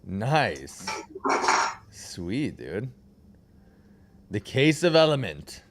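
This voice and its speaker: A man's voice: fairly low pitch, big pitch swings, very slow. A young man hosting a casual livestream, laid-back and slangy, often trailing off mid-sentence. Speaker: livestream host.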